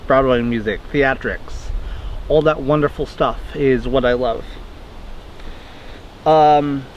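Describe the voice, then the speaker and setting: Answering viewer questions in a relaxed vlog, a twenty-something man talks outdoors in a wooded yard, wandering off track and fixing his own words. His voice is on the high side; the audio lacks high frequencies and has slight background noise.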